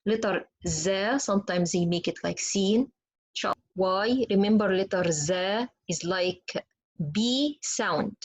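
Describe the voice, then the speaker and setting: A woman's voice: mid-range voice, rough recording. A woman whose first language is Arabic, teaching Quran pronunciation in an online lesson and demonstrating letter sounds patiently.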